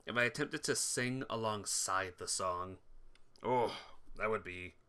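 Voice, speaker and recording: Over game music, a man reads a visual novel's text aloud on stream and comments casually, now and then stumbling and fixing his words. His lowish voice is smooth, bright and forceful, and he takes his time.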